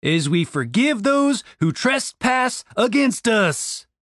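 A man voicing a gentle, pious young man who speaks softly and earnestly. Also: very high-pitched, sing-song, slow, no echo, clean studio sound, pitched above the performer's own voice, heavily acted. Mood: reverent. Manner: soft, earnest, praying.

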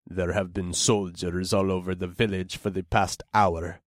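An actor playing a large, disapproving orc bartender with a gruff, hissing voice, slow and stern. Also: male voice, low-pitched, flat delivery, no echo, studio quality, pitched below the performer's own voice.

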